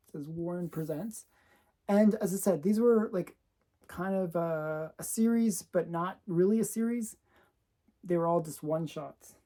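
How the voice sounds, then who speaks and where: Mellow-voiced woman chatting about her comics. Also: fairly low pitch, a little slow. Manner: chatty, laughs often between remarks. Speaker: comic collector showing her collection. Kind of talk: casual show-and-tell chat.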